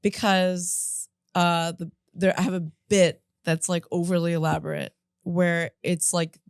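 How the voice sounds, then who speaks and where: A comedian in her thirties who grew up in Japan guests on an in-studio podcast, telling stories casually in a rambling, self-interrupting way and laughing often. Her lowish, level voice is creaky yet clean and a little slow. The audio is studio quality with no echo.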